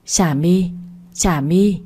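A woman voicing a cold, vengeful female ghost with slow, drawn-out moaning. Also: on the low side, warm tone, slightly rough, exaggerated voice. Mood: eerie, accusing.

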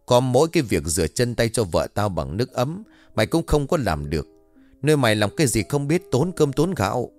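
A man's voice: mid-range voice, very animated, fairly quick, darkish tone, faint music behind, close to an everyday voice. A man voicing a brutal, foul-mouthed older man who snarls and barks curses in a told horror story. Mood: snarling.

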